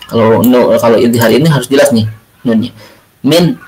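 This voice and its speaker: A male religious studies teacher explaining Quran recitation rules, drawing out chanted Arabic words slowly between explanations. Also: mid-range voice, steady tone, poor audio. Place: home or classroom, recorded for remote learning.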